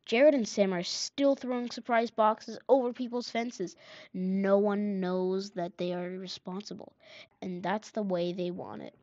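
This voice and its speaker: A woman's voice: medium pitch, fairly even intonation, unhurried, a little mellow, dry recording. Woman reading a mission story. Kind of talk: scripted storybook narration. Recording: dull, dry recording.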